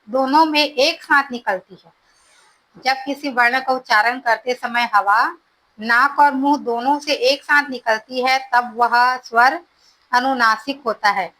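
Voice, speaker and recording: A woman's voice: high voice, pushed and bright, low-quality recording. A woman teaching a Hindi grammar lesson for exam preparation, repeating each definition and checking understanding with short prompts. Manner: explains slowly, repeats definitions, checks with "ठीक है".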